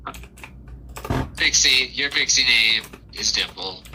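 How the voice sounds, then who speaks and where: Very bright-voiced man running a tabletop game. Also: medium pitch, slow. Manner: informal, conversational. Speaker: game master. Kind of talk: casual tabletop game narration. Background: music.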